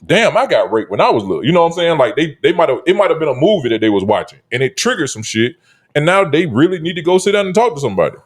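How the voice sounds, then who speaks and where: Male co-host, animated lively pitch, stumbles and restarts a lot, casual talk. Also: rapid-fire. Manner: stammering restarts, lively delivery. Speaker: podcast co-host. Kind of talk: casual chat.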